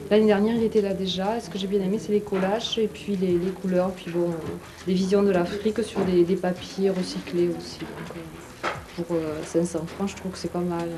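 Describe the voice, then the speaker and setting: Matter-of-fact woman buyer, lowish voice. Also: little pitch movement, moderate pace, crowd noise. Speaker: art buyer. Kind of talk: interview. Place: vaulted brick gallery cellar, indoors.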